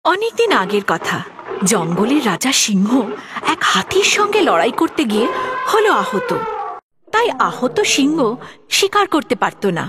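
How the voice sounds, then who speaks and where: Woman narrator for kids' animated stories, lively and fairly high. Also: moderate pace, noisy background. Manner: expressive, addresses the young listener. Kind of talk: storybook narration for children.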